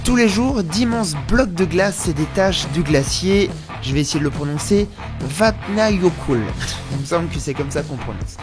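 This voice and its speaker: A young man talks as a travel photography vlogger. His delivery is casual and full of informal youth slang. Clear music plays behind his voice. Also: on the high side, lively intonation, fairly quick, few pauses. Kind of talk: casual vlog narration.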